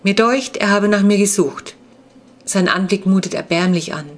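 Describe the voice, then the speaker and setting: A woman's voice: medium pitch, moderate pace, lightly acted. A woman voicing a stiff, courtly boy from an earlier time who speaks in formal, old-fashioned words. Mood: solemn.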